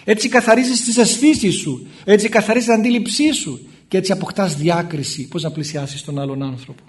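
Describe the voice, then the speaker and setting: A male Orthodox priest giving a spoken sermon in a conversational way, acting out short exchanges between people. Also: high voice. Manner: conversational, acts out little dialogues in shifting voices.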